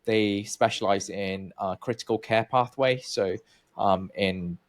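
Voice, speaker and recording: A man from Malaysia with a lowish voice talks through his career as an interview guest. He is chatty and loose, full of fillers and restarts. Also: unhurried. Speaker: guest researcher. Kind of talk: interview storytelling.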